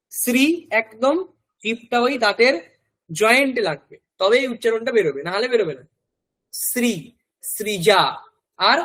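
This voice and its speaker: This Sanskrit lesson comes from a male teacher whose high, slightly bright voice carries a West Bengal Bengali accent. In a classroom setting, he spells out each word letter by letter and says it over several times, and the audio is rough.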